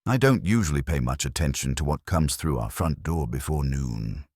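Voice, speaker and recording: An audiobook narrator with an extremely deep male voice reads first-person detective fiction in a wry, hard-boiled style, his intonation lively and his pace moderate. The recording is close and dry.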